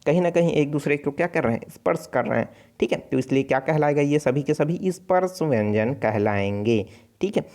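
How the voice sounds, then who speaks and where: Hindi tutor with Chhattisgarhi accent. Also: male voice, on the high side, expressive, a little fast, a little mellow. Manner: explanatory, repeats sounds aloud, frequent self-corrections. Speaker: online exam tutor. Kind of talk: casual spoken lesson.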